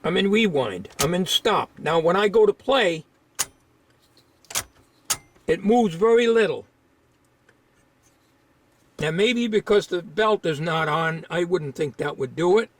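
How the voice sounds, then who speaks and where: A man with a high-sitting, expressive voice gives an informal, unscripted repair demonstration, thinking aloud in a halting way as he works with his hands.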